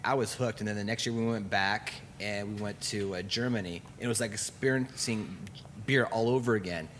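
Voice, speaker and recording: A man rattles through a personal story at a quick clip. He tells it casually and acts out the dialogue as he goes. A faint hiss of room noise sits under his voice. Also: on the low side. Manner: animated, acts out quoted dialogue. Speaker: brewery owner.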